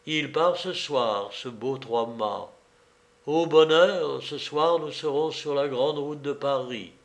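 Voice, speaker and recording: A man doing a loud, laughing gentleman adventurer. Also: medium pitch, slow pace. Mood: boisterous. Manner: loud and exclamatory, with bursts of laughter.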